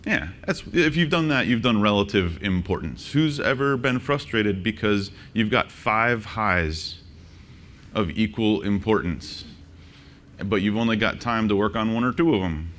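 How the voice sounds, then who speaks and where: Jokey male workshop presenter, low voice. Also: expressive, a bit bright, slight background noise. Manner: jokey, quizzes the audience with quick questions. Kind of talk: interactive conference talk. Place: conference session room.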